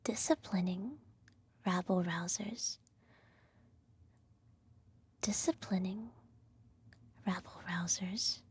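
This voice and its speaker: A woman with a mid-range voice plays an evil empress who is also a doting adoptive mother. She tells a bedtime story in a breathy ASMR whisper, her diction formal and measured.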